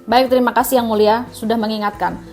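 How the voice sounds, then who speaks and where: A woman's voice: on the high side, fairly even intonation, fast, a little mellow, faint music behind, close to an everyday voice. A woman voicing a middle-aged male minister who apologizes for his raised tone and jokes about himself in a court reenactment. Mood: apologetic joking. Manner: apologetic, self-deprecating.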